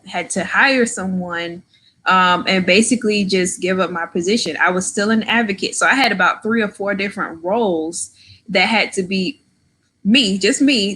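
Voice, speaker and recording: A woman in her thirties from Florida guests on a podcast, recounting her story in a relaxed, talkative style full of "like" and "right?". Her voice is medium in pitch, pushed and bright.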